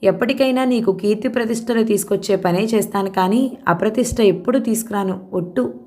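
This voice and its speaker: A woman's voice: mid-range voice, a little fast, mellow. A woman narrating a novel aloud, shifting her tone for the quoted dialogue of each character. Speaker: audiobook narrator. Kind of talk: reading a novel aloud, voicing all characters.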